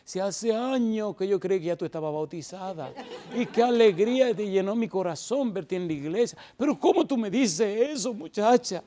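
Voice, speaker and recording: A man's voice: on the high side, expressive, normal speed, warm tone, natural voice. A preacher voicing a tearful father near ninety. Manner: pleading, rising emotional questions. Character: elderly father nearly ninety, tender and tearful.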